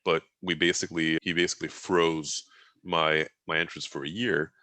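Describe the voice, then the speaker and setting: Here a forty-something Turkish man, whose native tongue is Turkish, chats informally as an interview guest about his life, rambling and restarting often. He has a sharp bass voice with a level tone at normal speed, recorded dry.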